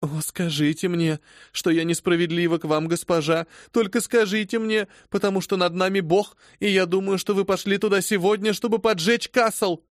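A frantic young servant woman, sobbing and begging in breathless bursts, as a male audiobook reader puts her on. Her voice sits high and strained, far above his own. The dry, close recording has no room sound. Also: fairly even intonation, normal speed, hardly any pauses, dry recording, natural voice. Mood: pleading. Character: frantic young female servant, tearful and pleading. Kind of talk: audiobook reading.

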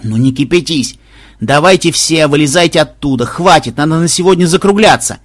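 A narrator voicing a calm, weary male team leader who talks in a soothing, placating way. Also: medium pitch, fairly quick, no echo, studio quality, natural voice.

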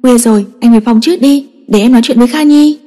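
A woman voicing a scheming older sister who talks in a falsely sweet, soft way. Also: a little high, fast, lightly acted. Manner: sweet, honeyed. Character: sly older sister, sweet-talking but cold. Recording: long echoing reverb.

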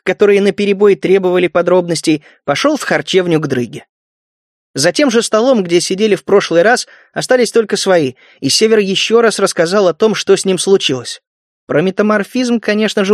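A man narrating an audiobook in a lively, steady storytelling manner. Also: high voice, fairly quick, dry recording, studio quality. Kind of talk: scripted narration.

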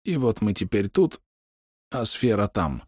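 A man voicing a dying young male archer whose quiet, strained speech is wry and fading. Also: fairly low pitch, sing-song, unhurried, slightly rough, no room sound, studio quality, full character voice. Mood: weak, wry. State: weak, coughing up blood.

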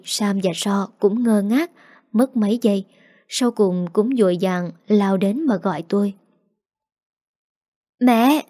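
Woman narrating a story, dark mellow voice. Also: mid-range voice. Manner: slow, tender, emotional storytelling. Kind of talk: first-person audiobook narration.

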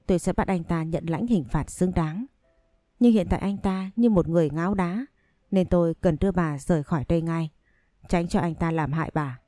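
A woman narrates a dramatic first-person story in a steady, scripted reading. Her voice is low and warm-toned. Faint music plays underneath, and the sound is dry and close. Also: no room sound.

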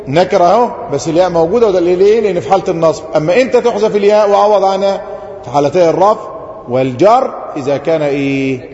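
A man with an Egyptian Arabic accent teaching a grammar lesson, who keeps asking the class questions, answering them himself and drawing out example phrases slowly. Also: sits high, dark tone. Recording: roomy lo-fi hall recording.

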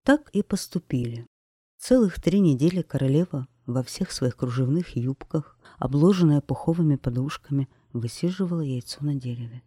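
A man reads a children's fairy tale in a gentle, expressive storytelling manner. His voice is mellow and a touch high, recorded close and dry. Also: normal speed, breathy edge, no room sound. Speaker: narrator. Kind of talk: storybook reading.

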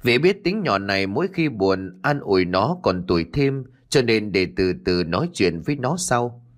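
Expressive male storyteller. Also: lowish voice, normal speed. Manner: expressive, dramatic. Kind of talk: scripted story narration.

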